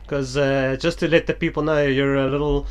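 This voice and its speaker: A man's voice: medium pitch, level tone, moderate pace, smooth. A man hosting a casual interview, chatting informally and jokingly as he asks questions.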